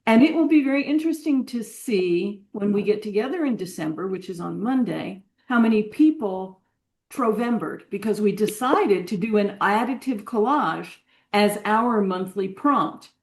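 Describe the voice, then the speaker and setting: A woman's voice: medium pitch, animated, normal speed. Chatty woman on a video call. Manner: chatty, meandering, with ums. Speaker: participant. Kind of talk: casual chat.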